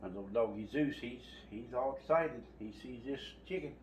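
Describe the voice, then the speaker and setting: A man hosts a home cooking video from his kitchen, chatting with viewers in a folksy, rambling style for his casual vlog. His medium-pitched voice moves at a normal speed and is picked up off the mic from a distance, with room echo and a little hiss or hum.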